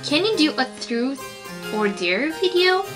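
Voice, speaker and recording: This toy video maker from Romania is a young woman with a high, sing-song voice who speaks unhurriedly over background music. In a casual, rambling vlog she answers viewer comments, sounding exasperated and filling her speech with fillers.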